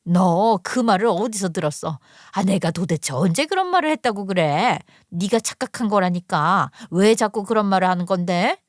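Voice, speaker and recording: A woman's voice: medium pitch, animated, normal speed, hardly any pauses, no echo, lightly acted. Woman putting on a scolding older mother, exasperated, sighing, defensive, dry close read.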